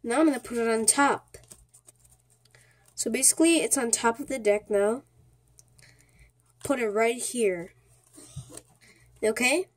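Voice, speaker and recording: In a medium-pitched voice at a measured pace, with long pauses, someone explains a card trick one step at a time while sitting at a small table indoors. The style is casual and repetitive, often pausing to check on the listener.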